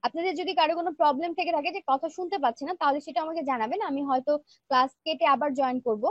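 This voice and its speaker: A woman teaching an online design class, explaining each step plainly and checking in with her students, speaking softly because she feels weak today. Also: sits high, very fast, no echo, muffled recording. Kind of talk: live screen-share tutorial.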